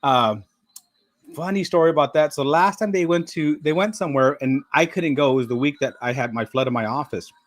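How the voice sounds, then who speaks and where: A man's voice: fairly high pitch, fairly quick. Chatty middle-aged man hosting a livestream. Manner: rambling, chatty, with frequent fillers; talks while eating. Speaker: livestream host. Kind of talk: casual live-stream chat.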